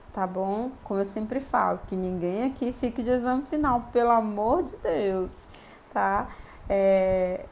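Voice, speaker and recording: A woman's voice: mid-range voice, a little mellow, a little hiss or hum. Brazilian woman lecturer, voice worn by a cold. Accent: Brazilian Portuguese. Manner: encouraging, keeps checking in with "tá bom?". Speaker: university lecturer. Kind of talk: recorded video talk to students.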